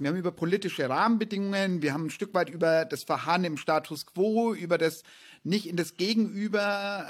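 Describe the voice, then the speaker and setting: Husky-voiced man hosting a podcast. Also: high-pitched. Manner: reflective, enthusiastic, long winding sentences. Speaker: podcast host. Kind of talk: podcast conversation.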